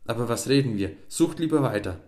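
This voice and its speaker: A man voicing a loud, blustering miller who shouts in a frantic, high-strung way. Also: expressive, brisk, lightly acted. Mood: distressed.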